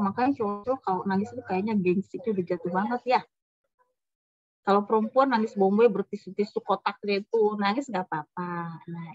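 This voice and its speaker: A woman lecturer teaching a class, talking lively and acting out short quoted voices. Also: mid-range voice, dull audio. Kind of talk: university lecture.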